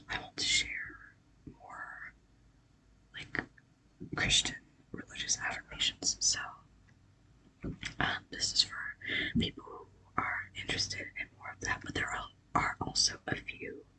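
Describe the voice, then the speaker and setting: In a poorly recorded clip, an ASMR creator offers gentle reassurance through whispered affirmations and scripture. The delivery is breathy, casual, and halting.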